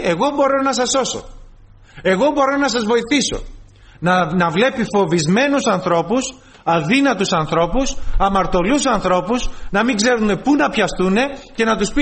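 A man's voice: high-pitched, fairly bright tone. A man preaching a sermon, addressing the congregation as brothers and acting out the voices in his stories. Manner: storytelling, acts out quoted voices, addresses listeners as brothers.

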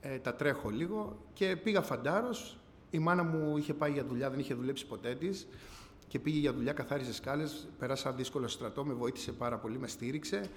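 A man giving a personal testimony to a church gathering, telling his story earnestly, often rising and falling in pitch and loudness. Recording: long hall reverb, faint background noise.

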